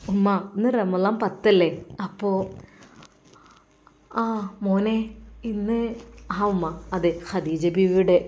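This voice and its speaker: A woman with a Malappuram Malayalam accent tells a devotional story in an earnest, gentle storytelling manner, voicing all of its characters. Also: medium pitch. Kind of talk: Islamic story narration in Malayalam.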